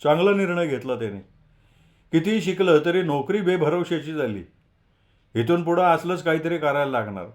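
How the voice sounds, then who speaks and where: A man voicing an outspoken, teasing young college man who talks loud and lively. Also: fairly high pitch, normal speed, pitched above the performer's own voice, close to an everyday voice.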